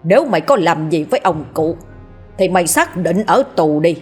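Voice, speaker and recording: A woman doing a gruff, scolding middle-aged man. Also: on the low side, lively intonation, moderate pace, faint music behind. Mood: angry. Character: middle-aged man, hot-tempered eldest son.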